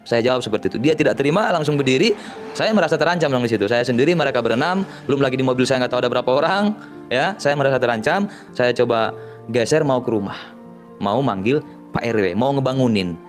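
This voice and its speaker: A man gives first-person testimony at a middle pitch, with faint music underneath. He recounts events in careful detail and keeps insisting on his side of the facts. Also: lively intonation, fast. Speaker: person giving a clarification.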